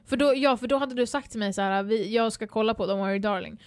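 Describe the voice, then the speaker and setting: A young woman with a Stockholm accent chats bluntly on a podcast. She teases her co-hosts and swears freely, her voice sitting a little high. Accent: Stockholm Swedish. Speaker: podcast co-host. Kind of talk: casual chat.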